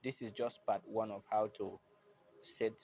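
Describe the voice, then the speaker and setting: A man's voice: fairly low pitch, level tone, normal speed, gravelly, highs cut off, slight background noise. A man giving a patient, casual step-by-step keyboard tutorial at his instrument. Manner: plain, patient, repeats "I believe you can hear".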